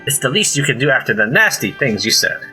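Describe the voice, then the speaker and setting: A man's voice: mid-range voice, sing-song, fast, pushed and bright, soft background music. A man putting on a robot voice for a glitchy, touchy male robot, with beeps and boops in between, while reading game dialogue aloud.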